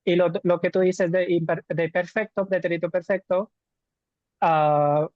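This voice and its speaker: A Spanish teacher whose first language is Hindi leads a live online teaching discussion, explaining things and posing rhetorical questions. The voice is medium-pitched and darkish, with no room sound, on dull, dry lo-fi call audio.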